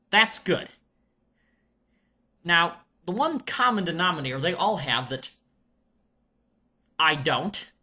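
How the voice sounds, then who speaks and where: A man talking casually as a video reviewer, halting and deliberate, with frequent pauses. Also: on the high side, sharp tone. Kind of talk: casual vlog announcement.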